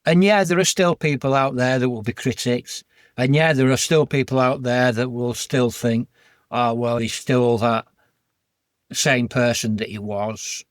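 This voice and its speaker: A man with a Yorkshire accent, a podcast guest in a candid personal interview, speaks earnestly and plainly about his life. His mid-range voice has fairly even intonation and a measured pace, captured as a dry, clean studio recording.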